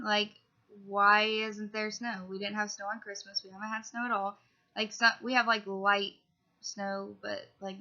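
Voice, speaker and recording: Sniffling from a cold, a young woman vlogger gives a rambling, casual update to camera in a medium-pitched voice that's bright with a gravelly edge. She links her thoughts with fillers and small asides, and the dull, lo-fi audio sounds like basic gear at home.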